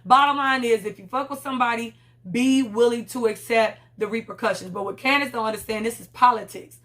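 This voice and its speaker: A woman's voice: fairly high pitch, fairly quick, a bit bright. Blunt, profane woman recapping a reality show. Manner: candid, blunt, profane, rambling.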